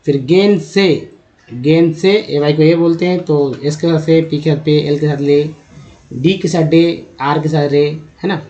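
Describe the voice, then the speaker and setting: A man's voice: fairly high pitch, steady tone, moderate pace, dark tone. A man teaching English reading, sounding out words letter by letter and repeating each one. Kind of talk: slow spoken lesson spelling out word pronunciations. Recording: dull lo-fi recording.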